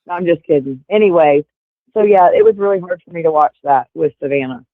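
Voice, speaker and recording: A woman in her forties guests on a livestream, chatting casually through earbuds on a call and rambling with plenty of fillers. Her voice is lowish and brisk, with no echo, and the line sounds tinny, like a phone call.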